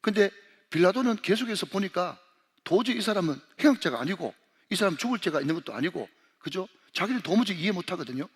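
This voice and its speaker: A man's voice: high voice, lively intonation, fast talker, breathy edge. A man who is a senior pastor preaching a sermon, talking straight to the congregation and calling them to read along. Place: church sanctuary. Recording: long hall reverb.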